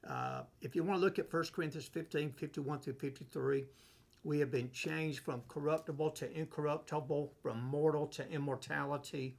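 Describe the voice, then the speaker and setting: A man, a pastor, leading a relaxed Bible study, reading verses aloud and explaining them, asking and answering his own questions. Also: a little high, creaky. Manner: unhurried, asks himself questions and answers them. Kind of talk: conversational Bible teaching.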